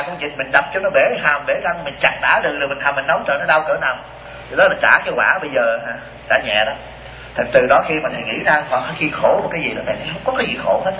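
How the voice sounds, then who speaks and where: A man giving a lively dharma talk as a monk, telling stories and asking rhetorical questions. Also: on the high side, a little hiss or hum. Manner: animated, acts out voices in stories, rhetorical questions. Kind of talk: sermon with storytelling. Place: retreat hall. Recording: dull roomy hall recording.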